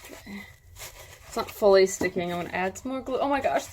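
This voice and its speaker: A woman's voice: medium pitch, fairly quick, a little mellow, slight background noise. A woman talking casually while she makes a craft prop, rambling and correcting herself with lots of fillers. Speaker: prop maker. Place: home workspace, indoors.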